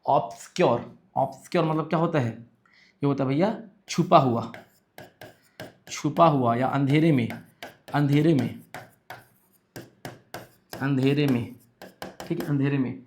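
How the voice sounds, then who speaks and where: A man teaching English for exams in Hindi. He reads the English sentences slowly and asks questions that he answers himself. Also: mid-range voice, a little hiss or hum. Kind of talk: exam-prep lesson.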